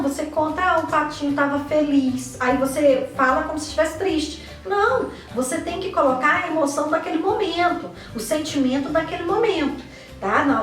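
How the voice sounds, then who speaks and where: High-voiced Brazilian woman teaching in an echoey room. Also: far from the mic. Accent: Brazilian Portuguese. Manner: didactic, asks and answers her own questions, frequent "né?" and "tá?". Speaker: teacher and educator. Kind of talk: online lesson for parents and teachers.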